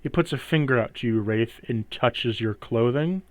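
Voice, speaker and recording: A man's voice: mid-range voice, moderate pace. A man narrating a tabletop fantasy game as its game master, explaining events and rules to players.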